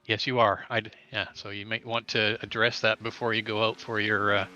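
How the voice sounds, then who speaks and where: A man acting as race director for an online racing league, talking over group voice chat and briefing the drivers with relaxed "uh" pauses. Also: on the low side, muffled recording. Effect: heard over group voice chat. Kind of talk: casual voice chat, then giving a race briefing.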